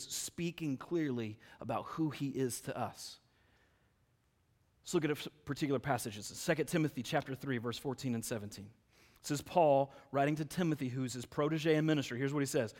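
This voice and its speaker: A man's voice: mid-range voice, moderate pace, a little mellow, in a large hall. A man preaching a sermon, reading scripture aloud and building emphasis with rhetorical questions. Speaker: pastor.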